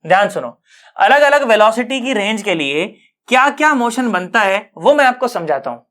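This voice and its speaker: A male physics tutor teaching an online class in an easy, colloquial way. He is lively and coaxing, cracks jokes, and slips English terms into his explanations. He keeps checking in with students to make sure they have understood. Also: high voice, normal speed.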